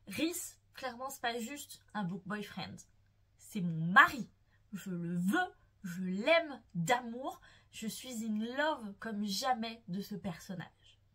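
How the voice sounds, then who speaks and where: With a fairly high, pushed and bright voice, a young woman hosts a book vlog full of enthusiastic, casual chat. She playfully gushes and swoons as she discusses the characters she adores.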